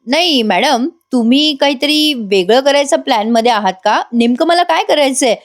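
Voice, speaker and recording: A woman's voice: sits high, animated, normal speed. A woman voicing a cautious male lawyer who speaks hesitantly and asks questions. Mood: wary.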